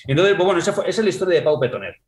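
A man's voice: sits high, sing-song, rapid-fire. Roomy-sounding Spanish man telling travel stories. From Spain. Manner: rambling, frank, with frequent fillers and tag questions. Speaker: guest, traveler and author. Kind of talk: casual radio interview storytelling.

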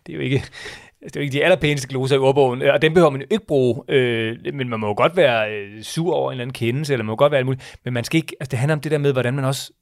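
A man's voice: mid-range voice, hardly any pauses, dry recording, studio quality. A man in his thirties or forties chatting casually as a podcast co-host, talking bluntly and swearing when he gets worked up. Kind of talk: casual chat.

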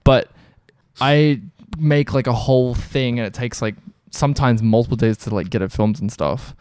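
A man's voice: mid-range voice, normal speed, darkish tone, smooth, no echo, studio quality. A young man co-hosting a podcast, rambling through casual chat from a living room, laughing often and swearing casually. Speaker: podcast co-host.

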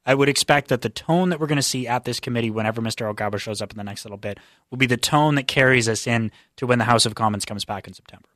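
A man, a political news reporter, explaining quickly on a radio show with many fillers. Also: medium pitch, a bit bright, dry recording, studio quality. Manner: rapid explanatory, filler-heavy. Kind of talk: radio interview guest.

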